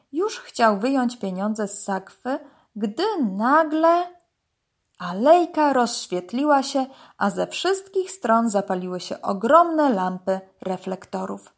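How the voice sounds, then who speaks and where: A woman narrating a children's animal story, reading aloud gently. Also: medium pitch, gravelly.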